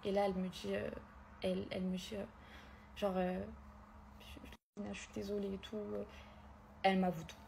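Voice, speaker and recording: A woman's voice: medium pitch, little pitch movement, normal speed, gravelly, pauses often, dark tone, slight background noise. A young woman telling her viewers an emotional story, hurt and angry as she talks. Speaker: content creator.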